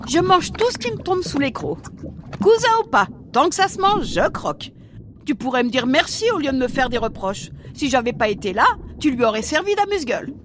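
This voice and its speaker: Brash high-pitched lady mosasaur. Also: big pitch swings, brisk, fairly bright tone, a little hiss or hum. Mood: boastful, sassy. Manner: sassy, boastful, exclamatory. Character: brash, voracious female mosasaur, soon a proud mother. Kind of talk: children's audio adventure acting.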